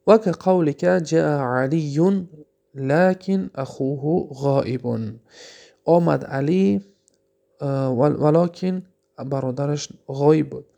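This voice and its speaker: A man with a Tajik accent teaching an Arabic grammar lesson, asking questions and answering them himself, and reciting the Arabic examples slowly. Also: a little high, creaky, dark tone. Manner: explaining, asks questions then answers them.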